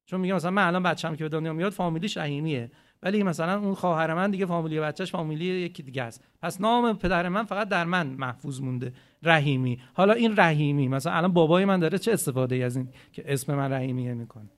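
A man giving a religious talk to a gathering, animated, swinging between loud emphatic phrases and quiet asides, and asking his listeners rhetorical questions. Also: on the high side, few pauses. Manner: asks the audience rhetorical questions. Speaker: preacher.

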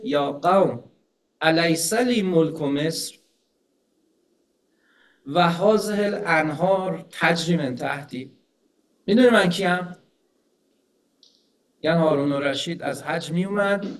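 A man giving a conversational religious lecture who tells stories, asks rhetorical questions and slows down to recite scripture. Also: mid-range voice. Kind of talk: Persian religious lecture with storytelling.

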